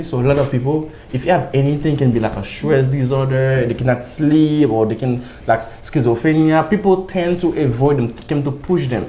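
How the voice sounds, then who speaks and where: A man's voice: medium pitch, mellow. Chatty man hosting a roomy interview. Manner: chatty, laughs often, eager follow-up questions. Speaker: TV show host. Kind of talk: casual interview. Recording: roomy with faint noise.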